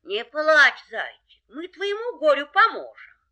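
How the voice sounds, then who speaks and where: A woman doing gruff, barking dogs. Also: sits high, huge pitch swings, measured pace, pitched above the performer's own voice, heavily acted. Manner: barking and loud orders.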